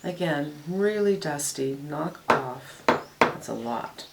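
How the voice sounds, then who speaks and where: A woman's voice: low voice, expressive, takes it slowly, creaky, very noisy. An older woman narrating a casual makeup tutorial, giving a frank, matter-of-fact review of eyeshadows as she swatches and applies them. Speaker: beauty vlogger.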